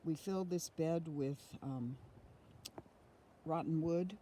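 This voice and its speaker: A middle-aged woman giving a casual, unhurried walking tour of her garden outdoors in the rain, pausing often with ums. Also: sits low, dark tone. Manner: rambling, unhurried, with frequent ums. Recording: rain noise on outdoor phone audio.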